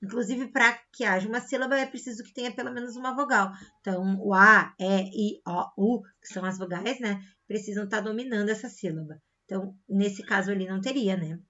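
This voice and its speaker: A woman's voice: mid-range voice, a little fast, hardly any pauses, bright, forceful tone. A woman with a Brazilian Portuguese accent teaching a recorded grammar lesson, explaining step by step and checking in with frequent "tá?" and "né?". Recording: slightly dull lo-fi sound.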